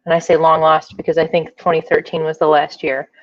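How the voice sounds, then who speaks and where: A woman's voice: sits low, little pitch movement, brisk, no echo. Woman guest on a dull, distant call. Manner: hesitant, thinking aloud. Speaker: attorney, guest. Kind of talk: casual video-call interview. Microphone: video call.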